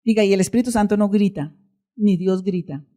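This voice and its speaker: A middle-aged woman, preaching to a congregation. Her voice is mellow and warm, and her pitch sits in a medium range. She keeps asking questions and then answers them herself. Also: a little fast. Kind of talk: sermon.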